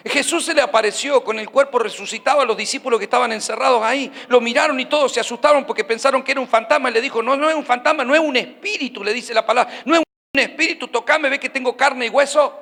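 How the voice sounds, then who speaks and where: High-pitched, bright preacher in a hall. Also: male voice, quick pace, few pauses. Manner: animated, acts out the characters of his stories with voseo asides. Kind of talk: sermon.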